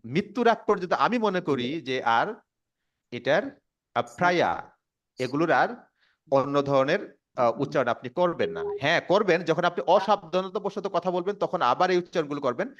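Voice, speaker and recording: A man with a Bangladeshi accent teaching English pronunciation to a class, repeating words slowly and quizzing the students. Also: fairly high pitch, animated, muffled recording. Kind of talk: classroom lesson. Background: students responding.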